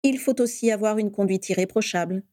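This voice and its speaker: A woman voicing a sensible teenage boy wizard, close to her own voice and calm throughout. He speaks in a measured, dry manner with a mellow tone. The recording is dry and close. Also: medium pitch, no echo, close to an everyday voice.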